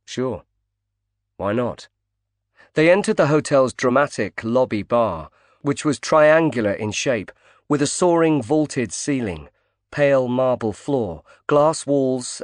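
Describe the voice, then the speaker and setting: A man narrating a thriller audiobook in an even, measured reading. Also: medium pitch, no echo, clean studio sound. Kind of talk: scripted narration.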